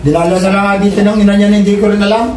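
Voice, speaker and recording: A man's voice: sits high, fairly even intonation, rapid-fire, a loud crowd. An older man talking in short, insistent bursts in heated casual conversation. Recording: echoey distant camera audio with noise.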